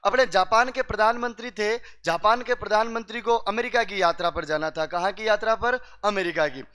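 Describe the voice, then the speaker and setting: A man's voice: high-pitched, moderate pace, bright, forceful tone, clear, resonant tone. A man telling comic stories to a class, quizzing the listeners and repeating each punchline. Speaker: teacher telling jokes to students.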